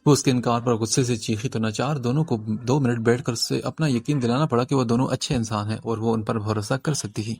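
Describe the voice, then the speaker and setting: A man reading a romance novel aloud as an audiobook narrator, in a steady storytelling manner. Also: mid-range voice, few pauses, breathy edge.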